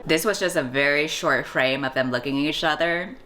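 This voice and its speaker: A woman's voice: sits low, a little fast, fairly bright tone, faint music behind. A woman hosting a reaction video with slangy, exaggerated, sarcastic commentary and free swearing. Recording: faint background noise.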